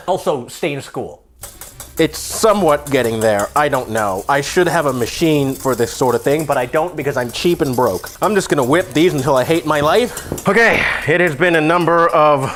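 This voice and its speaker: A man hosting a comedy cooking video, chatting casually through the steps in a rambling, self-deprecating way with offhand asides. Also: on the high side. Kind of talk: casual cooking demonstration chat.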